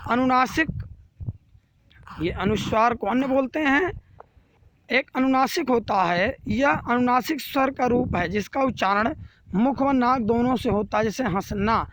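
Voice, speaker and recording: A man's voice: extremely high pitch, expressive, a little slow, a bit bright, lo-fi sound, slight background noise. A man teaching a grammar lesson to children, repeating each rule and then asking and answering his own questions. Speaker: Hindi teacher.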